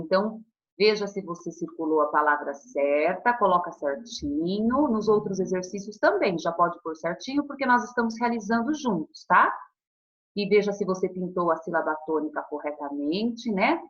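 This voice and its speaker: Brazilian woman, primary teacher, animated patient delivery, muffled lo-fi audio. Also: medium pitch. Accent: Brazilian Portuguese. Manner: patient, affectionate, spells words slowly. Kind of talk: recorded online class.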